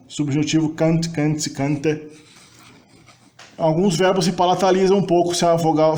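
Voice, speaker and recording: A man teaching a linguistics lesson. He talks in a conversational way, adds tag questions, and recites verb forms slowly. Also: on the high side, mellow. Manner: pauses to reformulate mid-sentence. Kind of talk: explanatory lecture.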